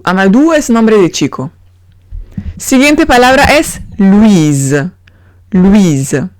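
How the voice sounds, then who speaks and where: A woman's voice: medium pitch, no room sound, clean studio sound. A woman giving a beginner pronunciation lesson, patiently spelling out letters and sounds. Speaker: French teacher.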